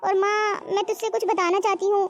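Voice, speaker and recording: A woman's voice: very high-pitched, level tone, a little fast, a little hiss or hum. A woman doing a pleading young daughter. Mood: explaining. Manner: pleading, coaxing. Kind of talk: cartoon voice acting.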